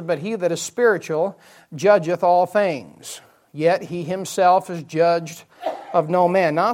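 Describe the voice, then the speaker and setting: A man's voice: sits high, gravelly. Man preaching, repeating lines for emphasis. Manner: repeats key phrases for emphasis, asks the congregation rhetorical questions. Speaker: pastor. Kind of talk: sermon, Bible exposition. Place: church, midweek evening service.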